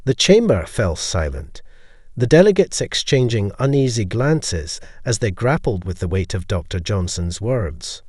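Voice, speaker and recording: A man's voice: lowish voice, sing-song, measured pace, darkish tone, breathy edge, no room sound, clean studio sound. A man giving a scripted, dramatic narration of a sci-fi story.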